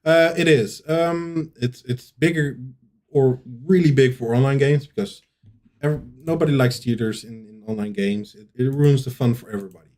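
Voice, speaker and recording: A man speaks as the lead developer in a relaxed Q&A. His voice sits in a mellow, darker register at an ordinary pitch. He talks haltingly, stacking fillers and restarting his sentences. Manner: hesitant, many fillers and restarts. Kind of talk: casual Q&A answers.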